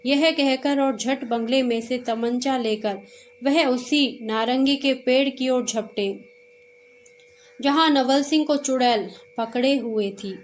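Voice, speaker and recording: A woman reading a classic story aloud as a storyteller, with measured, steady delivery. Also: on the high side, slight background noise.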